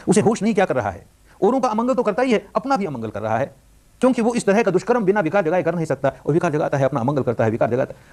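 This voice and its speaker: A man's voice: on the high side, darkish tone. An older man teaching meditation in a spiritual discourse, telling stories with strong rising and falling emphasis.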